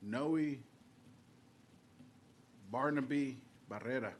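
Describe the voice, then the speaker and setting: A man's voice: medium pitch, extremely slow, slight background noise. A man chairing a legislative hearing in a formal, procedural way. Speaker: committee chair.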